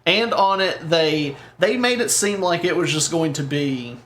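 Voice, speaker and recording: A man's voice: a little high, measured pace, fairly bright tone, slight background noise. A man co-hosting a gaming podcast in casual chat, rambling and correcting himself as he goes. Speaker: podcast co-host.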